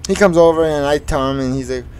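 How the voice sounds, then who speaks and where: A man's voice: on the high side, fast, a little mellow, clear, resonant tone, rough recording. A teenage boy casually telling a long school story while playing a truck driving game, rambling with many fillers and restarts. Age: teens. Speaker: gaming streamer.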